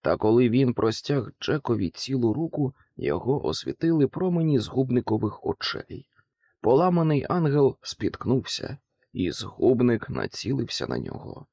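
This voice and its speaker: A man narrating a children's fantasy novel in an expressive, dramatic storytelling manner. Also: mid-range voice, normal speed, gravelly, breathy edge, no room sound, studio quality. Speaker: audiobook narrator. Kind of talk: scripted narration.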